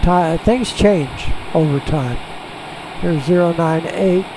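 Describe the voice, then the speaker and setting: Man in a cockpit, talking over a pilot headset. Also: a little high. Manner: talks through each step in a relaxed, halting way. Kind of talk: casual narration while flying. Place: cockpit of a small jet in flight. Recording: steady cockpit and engine noise.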